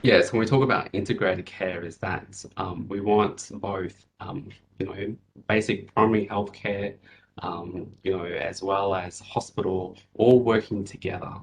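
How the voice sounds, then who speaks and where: Over a video call, a man in his thirties testifies at a hearing, his very low, flat voice measured and full of fillers. The audio is poor, with a faint noise behind him.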